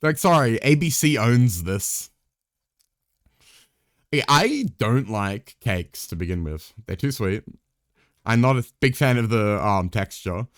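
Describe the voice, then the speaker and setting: A man's voice: fairly low pitch, lively intonation, slow, long pauses, dry recording, studio quality. A young man live-streaming a game, chatting casually in a rambling way, swearing freely, with wry asides to his viewers.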